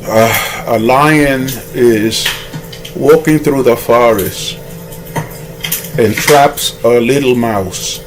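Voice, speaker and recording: A man's voice: medium pitch, extremely slow, music in the background, rough recording. A man giving rambling, moralizing commentary on a vlog and telling a fable, often restarting his sentences. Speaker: vlogger.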